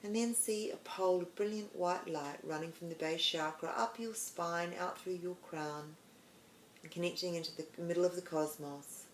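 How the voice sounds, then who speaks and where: A soft-spoken Australian woman leads a guided meditation, her slow, soothing voice sitting a little low. The room sounds roomy and open, with a faint ambience underneath. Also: fairly even intonation, a little hiss or hum. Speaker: meditation podcast host.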